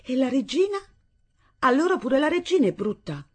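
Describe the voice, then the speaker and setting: Naive young bride, shrill and lively, pleading in disbelief, read by a woman with a husky voice. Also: normal speed, heavily acted. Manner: wide-eyed, pleading, breathless disbelief. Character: timid naive young bride, girl from Naples area.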